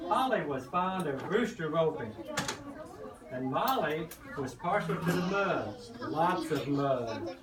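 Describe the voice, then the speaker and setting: An older man with a folksy grandfatherly manner, reading a children's storybook aloud and pausing to explain the pictures to children. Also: fairly high pitch, big pitch swings, over a noisy crowd. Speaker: grandfather reading to a first grade class, farmer. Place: echoey indoor classroom. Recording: roomy, distant microphone, noisy background.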